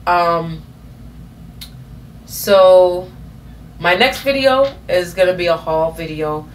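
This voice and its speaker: A woman's voice: fairly low pitch, lively intonation, slow pace, slight background noise. A woman in her thirties telling a personal story in a casual vlog, rambling with many fillers and self-corrections. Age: 30s. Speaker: vlogger.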